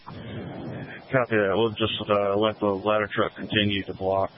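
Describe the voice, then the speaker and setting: Very deep monotone man on two-way radio. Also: unhurried. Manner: terse, matter-of-fact. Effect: two-way radio transmission. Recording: muffled radio with faint hiss.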